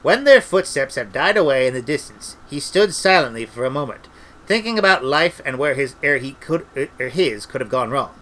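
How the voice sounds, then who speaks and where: Middle-aged male reader, bright voice, animated comic narration. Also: medium pitch, normal speed, low-quality recording. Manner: lively, expressive storytelling. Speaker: audiobook reader. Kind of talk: comic novel reading.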